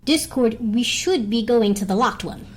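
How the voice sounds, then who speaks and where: A woman voicing a stern, earnest pony princess in a dramatic comic reading, speaking in a formal, measured manner. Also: fairly high pitch, expressive.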